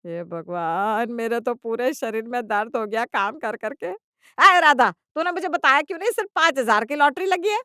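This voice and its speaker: A woman voicing a greedy, scheming older mother-in-law who coaxes sweetly and then bursts out loud, recorded dry. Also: mid-range voice, lively intonation, normal speed, dry recording, lightly acted. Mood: dismayed. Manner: sugary coaxing, with sudden loud outbursts.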